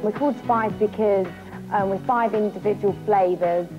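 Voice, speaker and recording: A woman's voice: medium pitch, fairly even intonation, normal speed, loud music behind the voice. A woman, chatting playfully in a promotional interview. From England. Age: 20s. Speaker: pop singer interviewed. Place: indoors in front of a stained-glass window. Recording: muffled 1990s videotape audio.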